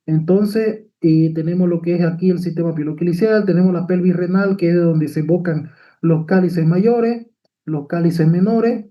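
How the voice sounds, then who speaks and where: High-voiced man lecturing. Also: moderate pace, lo-fi sound. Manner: explanatory, frequent tag questions and fillers. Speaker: medical lecturer. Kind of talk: lecture with slides.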